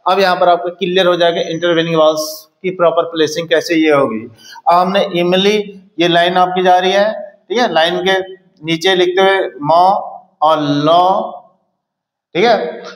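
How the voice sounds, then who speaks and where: A man teaching a shorthand lesson in speech, explaining step by step and often pausing to check understanding. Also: high voice, steady tone, reverberant. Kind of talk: classroom lesson.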